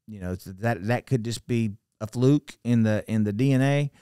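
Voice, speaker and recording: Animated middle-aged man telling a mystery. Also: on the low side, normal speed, clean tone, no echo, studio quality. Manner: animated, gestures a lot, restarts and trails off quietly. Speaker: podcast guest. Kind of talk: storytelling conversation. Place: study lined with bookshelves. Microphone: studio mic on a boom arm.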